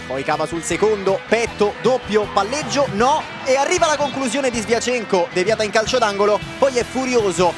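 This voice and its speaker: Young male football commentator, higher register, animated and excited match call over prominent background sound. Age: young adult. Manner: animated, raised voice. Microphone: headset microphone.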